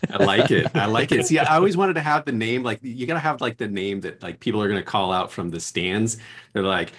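Man, podcast guest, lowish voice, relaxed, rambling, laid-back. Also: a little fast. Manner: relaxed, rambling, self-deprecating. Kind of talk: casual interview chat.

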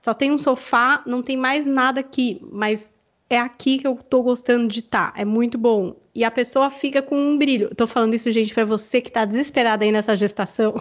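A Brazilian woman co-hosting a relationship podcast, chatting in a lively way with laughs and personal anecdotes. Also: on the high side, fairly quick. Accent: Brazilian Portuguese. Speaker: presenter co-host. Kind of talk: podcast conversation.

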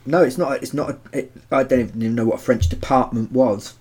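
A man's voice: medium pitch, fairly even intonation, a little fast, darkish tone, husky. A man co-hosting a podcast, chatting casually about a video game in a rambling, joking way with many fillers. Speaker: podcast co-host.

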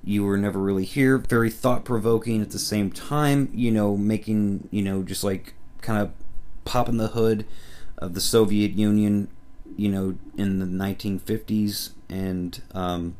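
A man's voice: on the low side, fairly even intonation, unhurried, darkish tone. A man giving a casual, rambling film review, enthusiastic and full of fillers and restarts.

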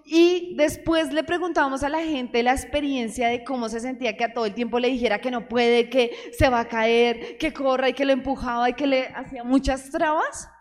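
A woman's voice: high voice, fairly even intonation, moderate pace, hardly any pauses. A woman preaching an earnest sermon, asking the congregation questions. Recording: hall reverb.

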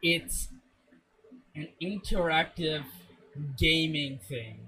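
A man's voice: on the high side, animated, very slow, sharp tone, slight background noise, poor audio. A man hosting a casual comedy podcast in a campy, theatrical, self-mocking way, swearing freely. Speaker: podcast host.

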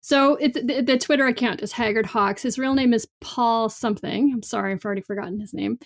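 A woman's voice: fairly high pitch, fairly quick. A woman co-hosting a podcast, talking casually and conversationally. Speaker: podcast co-host.

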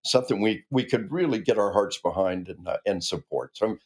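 This man is in his sixties, a Midwestern-raised retired army officer appearing on a podcast for a conversational interview. His fairly low, darkish, slightly rough voice is expressive and brisk. Earnest and emphatic, he frequently starts his thoughts over.

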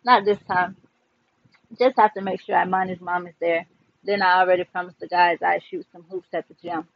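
A man's voice: sits high, normal speed, gravelly, dry recording, highs cut off. A man doing a joking, easygoing young guy. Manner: joking, relaxed. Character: easygoing young man, good-natured big-brother type.

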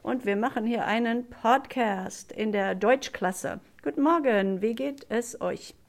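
A woman from Germany with a fairly high voice teaches German and hosts a classroom podcast. She asks simple questions slowly, with many fillers.

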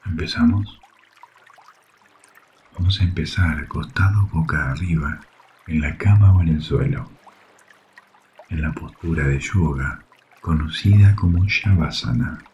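Very deep, slow man guiding sleep meditation. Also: muffled recording, a little hiss or hum. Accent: Rioplatense Spanish. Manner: soft, soothing, hushed delivery with long pauses. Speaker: yoga nidra guide. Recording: faint water ambience behind voice. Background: trickling water sounds.

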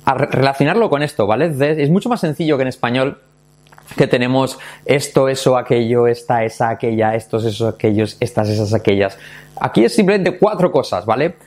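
Playful Spanish English teacher. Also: male voice, mid-range voice, brisk. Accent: Spain Spanish. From Spain. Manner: lively, playful, repeats words in mock English accents. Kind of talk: casual online English lesson.

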